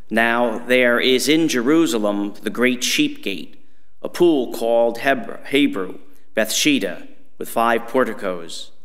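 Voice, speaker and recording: A priest reading the Gospel at Mass in a measured, solemn way, his voice carrying a cathedral echo. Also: medium pitch. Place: large church. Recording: long church reverb.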